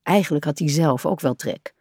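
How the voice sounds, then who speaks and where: A woman reading a children's story aloud in a calm, even storytelling voice. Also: low voice, moderate pace, no room sound, clean studio sound.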